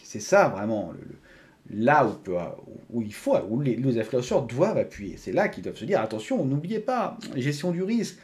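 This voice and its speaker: A man's voice: fairly high pitch, darkish tone. A man explaining to his viewers in a casual, conversational way, with frequent fillers and restarts. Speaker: crypto YouTuber. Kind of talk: casual explanatory talk to camera.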